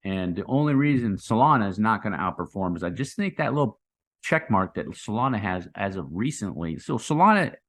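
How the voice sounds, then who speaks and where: Male crypto bro commentator, slightly low register, off-the-cuff and hyped, buddy-style slang, repeats himself for punch. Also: big pitch swings, a little fast, a bit bright. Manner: hyped, slangy crypto bro talk, saying 'man', 'dude' and 'guys'; rambling, repeats phrases for emphasis. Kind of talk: casual unscripted market commentary.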